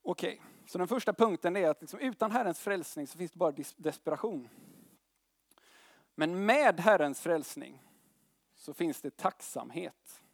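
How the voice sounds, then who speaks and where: Young male preacher, high voice, dry close sound, casual slangy sermon delivery. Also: expressive, vocal fry, dry recording. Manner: conversational preaching with slang and tag questions.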